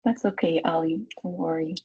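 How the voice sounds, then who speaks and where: A low, husky woman's voice, presenting her research over a video call. She stumbles a little, filling pauses with "uh" and repeating words as she goes. The sound is dull and lo-fi. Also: fairly even intonation, mellow. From Argentina. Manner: hesitant, with frequent "uh" and repeated words. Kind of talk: webinar presentation.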